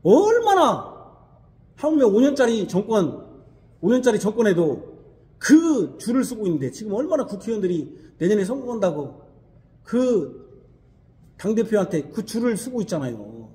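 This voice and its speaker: A man's voice: sits high, sing-song, moderate pace, long pauses, warm tone, in a large hall. A man pastor preaching a Sunday sermon, sometimes slipping into the casual taunts of a tempter. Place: church sanctuary.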